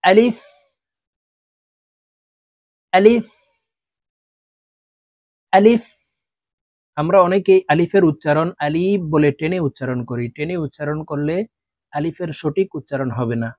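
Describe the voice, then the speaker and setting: A man with a fairly high voice teaches a recitation class, explaining how each letter is spoken. He then draws the letter names out in slow chant for the viewer to say back. The recording is dry and close. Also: a little mellow, no echo, dull audio. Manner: drawn-out chanted letter names for students to repeat. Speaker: Quran reading teacher. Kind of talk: recitation lesson.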